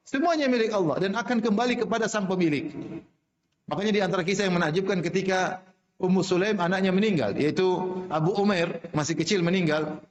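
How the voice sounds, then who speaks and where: A man delivering a sermon in a fairly high voice, driving his points home by repeating key lines and slipping into Arabic recitation. The room around him is echoey, so his words ring out with a noticeable reverb. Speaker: Islamic preacher.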